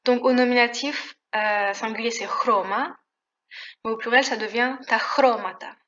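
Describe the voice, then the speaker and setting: A woman's voice: a little high, fairly even intonation, a little slow, a bit bright, lo-fi sound. A woman teaching a language lesson in a casual, hesitant way, with fillers and self-corrections. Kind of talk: explanatory lesson.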